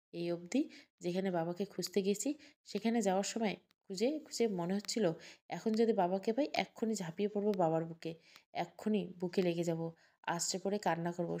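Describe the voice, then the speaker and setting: A woman narrates an emotional first-person audio story. Her voice sits fairly low and sounds mellow and warm. The storytelling is heartfelt and earnest.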